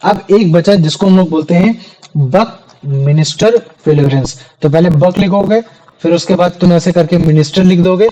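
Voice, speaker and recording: Man teaching chemistry, high voice, mellow tone, chatty. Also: low-quality recording. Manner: chatty, calls students "bhaiya". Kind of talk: classroom chemistry lesson.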